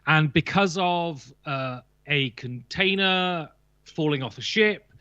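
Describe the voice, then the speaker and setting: Here a man with a fairly high pitch talks slowly, his tone sharp, clear and resonant. The recording is dry but slightly muffled as he guests on a board game list show, giving emphatic, casual opinions with some jokes.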